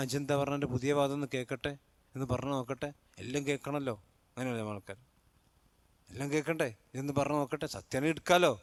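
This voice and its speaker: A man teaching a Quran recitation class, who chants verses slowly and then explains the rules, asking his class questions. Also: fairly high pitch, no room sound. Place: mosque.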